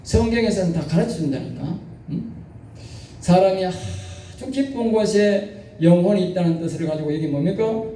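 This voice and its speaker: A man's voice: sits high, animated, moderate pace, warm tone, slight background noise. A male pastor preaching a sermon, exhorting the congregation and often asking them to respond. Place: church sanctuary. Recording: echoey church hall from far off.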